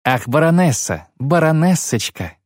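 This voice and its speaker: A man's voice: a little high, very animated, measured pace, no room sound, studio quality, pitched above the performer's own voice. A man doing a hissing young outlaw girl. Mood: contemptuous. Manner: hissing, contemptuous. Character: young female outlaw, cold and cutting.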